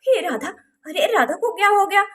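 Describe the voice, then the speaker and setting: A woman voicing a kind village neighbor woman in a doll storybook, talking briskly and urgently. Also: very high voice, big pitch swings, a bit bright, full character voice.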